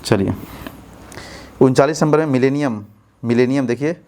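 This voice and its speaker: A man's voice: mid-range voice, moderate pace, dark tone. Indian man teaching exam English. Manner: explains step by step, asks students rhetorical checks. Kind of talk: exam-prep lesson explaining answers.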